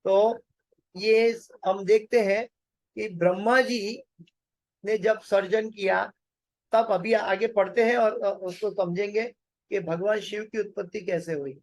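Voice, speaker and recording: A man teaches scripture in a measured lecture, his voice sitting high for a man. He takes his time, pausing on fillers and repeating phrases so they sink in. The sound is dry and close, with little room around it. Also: steady tone, dry recording, low-quality recording. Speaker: Bhagavatam lecturer.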